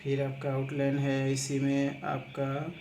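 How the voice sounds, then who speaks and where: A man in a slow, monotone, mid-range voice walks through shorthand examples step by step, with music playing behind him. He repeats himself often, spells words one letter at a time, and keeps coming back to "aapka." The space sounds echoey, and background noise is plainly heard.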